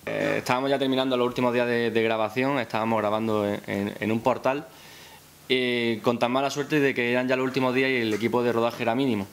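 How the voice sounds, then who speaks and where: Speaking at a normal clip that runs quick, this young film director from Spain talks unscripted in an indoor press conference room, his Spanish accent clear and his words hesitantly repeated. His mid-range voice keeps a fairly even intonation. Hiss runs through the press-room recording.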